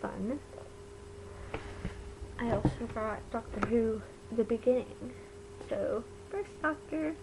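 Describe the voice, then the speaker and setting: A young woman with a fairly high voice chats casually in a bedroom vlog. Her words are slightly impeded by the retainer in her mouth, and she rambles informally. The webcam recording has clear background noise. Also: takes it slowly, pauses often. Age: young adult. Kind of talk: casual vlog chat to camera. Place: bedroom at home.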